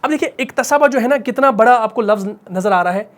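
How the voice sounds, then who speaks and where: A man teaching a Quran recitation lesson. He repeats key points, asks his class rhetorical questions, and slows to a near whisper on the words that matter. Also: very high-pitched, a bit bright.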